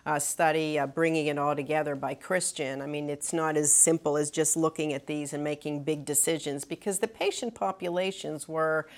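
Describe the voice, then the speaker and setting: A woman's voice: sits low, fairly even intonation, normal speed, few pauses. A woman clinician speaking on a medical panel, explaining treatment guidelines earnestly with frequent fillers and restarts.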